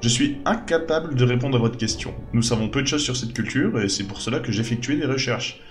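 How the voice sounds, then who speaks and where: A man's voice: medium pitch, fairly quick, over music, natural voice. Man reading as a sober, formal scholar. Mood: regretful. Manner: formal, explanatory. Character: earnest male scholar excavating ruins, sober, learned.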